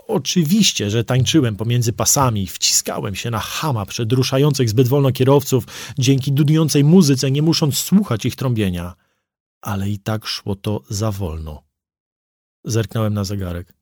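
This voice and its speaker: A man's voice: medium pitch, a little mellow, dry recording. Man narrating a story, dry and close. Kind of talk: first-person audiobook narration.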